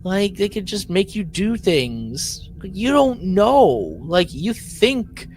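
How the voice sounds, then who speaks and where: Slow and sing-song, this male co-host's high-sitting, slightly mellow voice carries an animated, casual podcast recap over a faint hiss or hum. He's emphatic, repeats phrases for effect and performs mock quotes.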